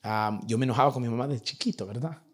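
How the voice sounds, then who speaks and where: A young man preaching a sermon to his church, animated and acting out the people in his stories. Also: medium pitch, fast talker. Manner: animated, acts out nagging parents in a raised voice. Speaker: pastor. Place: church in Vancouver.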